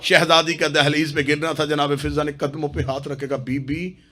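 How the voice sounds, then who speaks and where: A man's voice: a little high, monotone, moderate pace, bright, forceful tone. A man giving a mourning sermon in the form of an impassioned recitation that swells into cries. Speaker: religious orator. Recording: live gathering with crowd.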